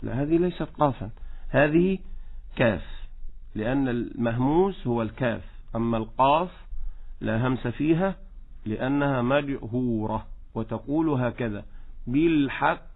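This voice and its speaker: A man teaching Quran recitation rules, patiently correcting and slowly modeling each word. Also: medium pitch. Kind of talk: tajweed lesson with recited examples. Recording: tinny phone-like line.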